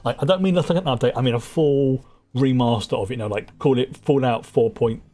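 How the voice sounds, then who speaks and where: A man's voice: mid-range voice, a little fast, dark tone. A man giving casual, chatty game commentary, thinking aloud as he plays. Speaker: gamer, host of a playthrough.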